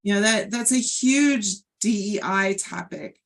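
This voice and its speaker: A woman from Ohio in the United States co-hosts a casual podcast conversation, speaking with a General American accent at a medium pitch. Her delivery is measured and explanatory.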